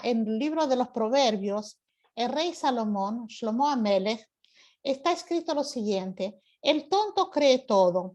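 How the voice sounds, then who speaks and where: A woman teaching an online class over a video call, explaining patiently and often asking rhetorical questions. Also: sits high.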